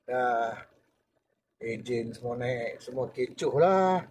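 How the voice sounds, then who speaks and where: The speaker is an older man, once a deckhand, whose Malaysian Malay accent colors a casual, talkative story told as though to a younger person, complete with impressions of what others said. His medium-pitched voice is expressive, slightly mellow and unhurried, with slight background noise present.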